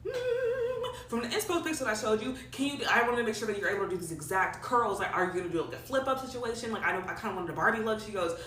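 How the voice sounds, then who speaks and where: A woman telling a salon horror story in an exasperated, swearing rant, swinging from low mutters to loud outbursts. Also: lively intonation, rapid-fire, few pauses, echoey room, recorded from a distance, slight background noise. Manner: swears casually. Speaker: storyteller in a reacted-to video.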